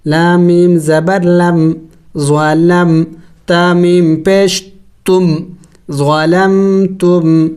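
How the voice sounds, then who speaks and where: A man teaching Quran recitation, spelling out letters and vowels slowly, chanting the words drawn out, then explaining the rules in quick asides. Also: high-pitched, level tone, darkish tone. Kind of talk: slow spelled-out tajweed lesson.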